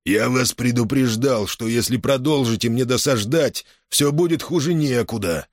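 A man's voice: mid-range voice, normal speed, no echo, studio quality, voice pushed up, natural voice. A man voicing a stern, condescending jail commandant who makes menacing threats in an audiobook. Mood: threatening. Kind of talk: audiobook character voice.

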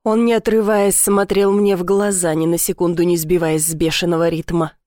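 A woman narrating a first-person romance audiobook in a soft, measured reading. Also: fairly low pitch, level tone, dry recording, studio quality.

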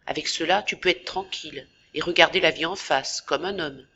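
A woman voicing a tender young man who comforts his younger brother, speaking softly and reassuringly in an audiobook. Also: sits low, normal speed, dull audio, a little hiss or hum. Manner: soft, reassuring, slightly trembling. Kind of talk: audiobook character voice.

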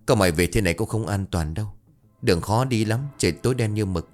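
A slightly drunk older villager coaxes his guest, talking a bit fast and low, as a male storyteller does him. The voice stays close to the narrator's own, inside a spoken ghost story. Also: soft background music, lightly acted. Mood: coaxing. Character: tipsy older village man, friendly host.

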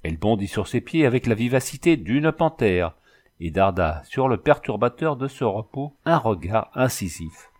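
A man narrating a novel as an audiobook in a measured, literary way. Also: fairly low pitch, very animated.

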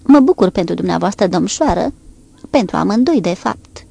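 A woman's voice: medium pitch, lively intonation, gravelly, warm tone, slightly rough. A woman narrator voicing a loyal, plain-spoken male sailor who eagerly looks after his commander.

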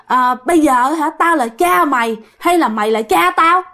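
A woman's voice: sits high, animated, normal speed, pitched above the performer's own voice, heavily acted. Woman doing a bellowing drunk old father. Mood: raging. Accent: Southern Vietnamese. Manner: loud bellowing threats. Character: drunk bad-tempered old father, threatening.

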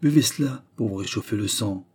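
A man voicing a gruff, impatient old professor in a storybook reading, curt and sharp-spoken. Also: on the low side, fairly quick.

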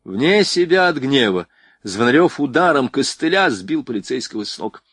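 A man's voice: medium pitch, normal speed, breathy edge, no echo, studio quality. A man narrating a novel expressively as an audiobook reader. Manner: expressive, varied voicing. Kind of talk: scripted narration.

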